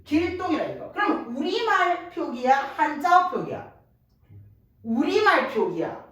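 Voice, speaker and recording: A woman with a lilt lectures to a class, her fairly high voice swinging up and down with lively energy as she keeps quizzing her listeners. She is heard from some way off in a strongly echoing room, with faint noise underneath. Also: a little slow, recorded from a distance. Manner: lively, checks understanding constantly with rhetorical questions. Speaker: Korean language teacher.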